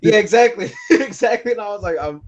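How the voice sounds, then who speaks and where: A man's voice: high voice, animated, fairly quick. Cussing, laughing storyteller man on lo-fi audio. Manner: swears a lot, laughs at his own story, acts out dialogue. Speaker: podcast co-host. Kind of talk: casual storytelling chat. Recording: dull lo-fi podcast audio.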